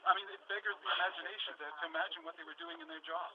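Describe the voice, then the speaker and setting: A man's voice: high voice, very fast, vocal fry. A man giving impassioned political commentary at a press scrum, emphatic and given to repeating his points. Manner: emphatic, rhetorical questions and repetition. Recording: dull, noisy scrum recording.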